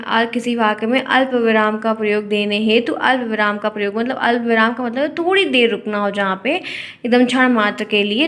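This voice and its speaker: A woman's voice: a little high, fairly bright tone. A woman teacher going through exam questions one by one, reading each question out and repeating it before she explains the answer. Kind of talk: exam-prep lesson.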